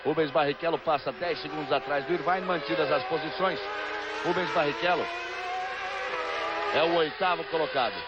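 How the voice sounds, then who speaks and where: A man's voice: a little high, fairly even intonation, moderate pace, pauses often. A man with a Brazilian accent working as a motorsport commentator, calling a race live. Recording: dull lo-fi broadcast, loud engine noise. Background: loud racing cars and trackside noise.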